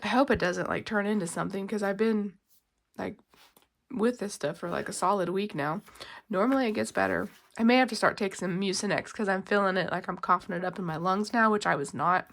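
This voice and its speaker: A woman's voice: medium pitch, fairly quick, creaky, a bit bright. Chatty congested woman counting cash. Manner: chatty, rambling, many fillers. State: congested, coughing. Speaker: budgeting vlogger. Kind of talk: casual chat while counting cash.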